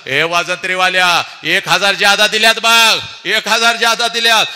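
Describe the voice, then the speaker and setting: A man voicing a proud father of the bride who shouts cheerfully at his guests. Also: high voice, steady tone, normal speed, in a large hall. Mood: generous. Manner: loud, shouting orders to guests.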